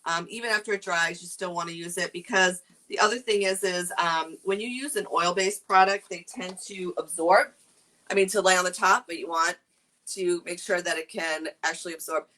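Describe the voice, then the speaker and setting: A woman's voice: fairly low pitch, normal speed, sharp tone, poor audio. A middle-aged woman with a New England accent, casually demonstrating furniture staining and chatting with viewers by name. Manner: chatty, reads viewer comments aloud. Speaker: furniture painting instructor. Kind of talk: casual live craft demo.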